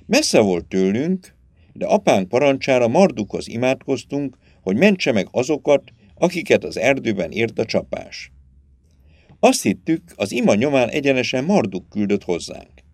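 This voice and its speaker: A man's voice: medium pitch, big pitch swings, darkish tone, no room sound. A man reading aloud and voicing a firm, commanding young woman who takes charge. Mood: firm, earnest. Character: stern, resolute young woman, captive sister.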